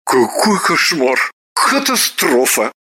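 A woman reading an audiobook plays a fussy, devoted manservant who shouts and fusses over his master. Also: sits low, very animated, takes it slowly, pitched below the performer's own voice, heavily acted. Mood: dismayed. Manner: shouting, fussing. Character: loud, fussy male servant, devoted and excitable.

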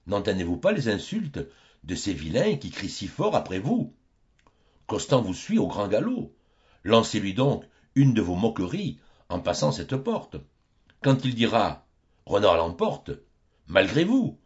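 A man voicing a cunning, flattering male rooster who coaxes slyly, in a dull lo-fi audiobook recording. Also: fairly low pitch, measured pace. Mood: sly coaxing. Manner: sly, coaxing.

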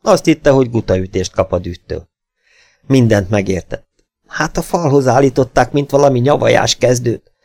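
A man narrating an adventure novel as an audiobook in a steady, even reading voice. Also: medium pitch. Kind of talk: scripted narration.

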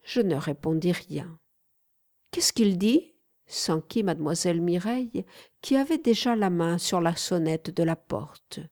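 A woman narrating an audiobook in a measured, clear reading voice. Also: on the low side, lively intonation, a little mellow.

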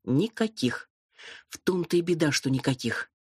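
A woman reader voicing a dry, sharp-tongued policewoman who is secretly a witch, speaking calmly and curtly. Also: low-pitched, moderate pace, slightly rough, no room sound. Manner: calm, curt and ironic.

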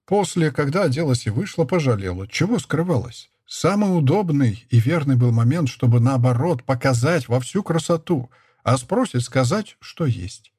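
A man narrating a literary novel in a measured, steady scripted reading. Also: mid-range voice, breathy edge, dry recording, clean studio sound. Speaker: audiobook narrator.

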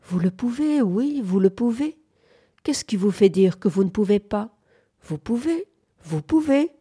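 A woman voicing a softly insistent young suitor. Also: medium pitch, lively intonation, voice pushed up. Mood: pleading. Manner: tender, insistent, quick.

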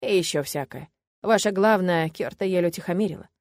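A woman's voice: fairly low pitch, a little fast, darkish tone, dry recording, lightly acted. A woman voicing a confident, teasing male demon in a romance audiobook. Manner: teasing, sly.

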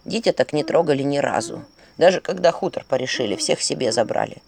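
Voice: medium pitch, sing-song, a little fast, gravelly, a little mellow, voice pushed down. A reader voicing a weary peasant man turned ghoul who tells his story with heavy sighs in a spoken fairy tale. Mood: pleading. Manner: heavy, sighing confession.

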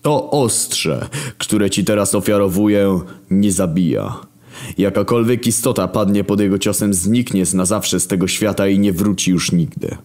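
Brief: a man playing a scheming creator god, slow and thunderous, storybook villain. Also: a little mellow, natural voice. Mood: wrathful. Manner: slow, booming and solemn. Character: almighty male creator god, wrathful and scheming.

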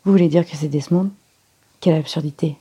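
Woman reader voicing an anxious young woman: distressed, insistent, husky tone. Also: deep voice, a little fast, dark tone.

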